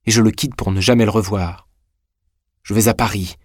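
A man's voice: on the low side, fairly even intonation, moderate pace, dry recording, studio quality, natural voice. A man reading aloud, voicing a calculating young man who speaks firmly and resolutely.

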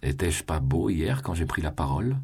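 A man's voice: rumbling low, very animated, normal speed, a little mellow, husky, heavily acted. A man voicing a brooding condemned young man. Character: proud young man facing execution, brooding.

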